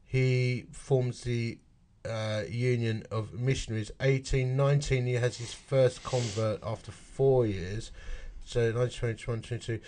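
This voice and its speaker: With a mellow, mid-range voice, fairly even intonation and a slightly slow pace, a man with an Essex accent reads a history article. He breaks off for chatty asides and reckons up dates and figures aloud.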